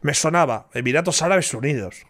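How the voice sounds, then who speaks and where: A man's voice: a little high, lively intonation, a little fast. A man, reacting to a quiz in casual commentary, thinking aloud, repeating his guesses and cheering himself on. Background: quiz background music.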